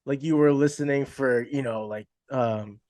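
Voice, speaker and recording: Relaxed rambling man, dry close sound. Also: mid-range voice, normal speed, dry recording. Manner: relaxed, rambling, many fillers like "like" and "you know". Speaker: podcast host. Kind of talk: casual podcast chat.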